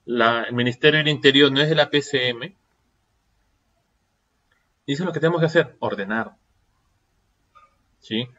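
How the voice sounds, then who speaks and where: A man's voice: medium pitch, moderate pace, long pauses, bright, forceful tone, dull audio. Man lecturing with rhetorical questions. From Peru. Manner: rhetorical questions, frequent checking "¿sí?". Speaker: seminar lecturer. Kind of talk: online seminar lecture.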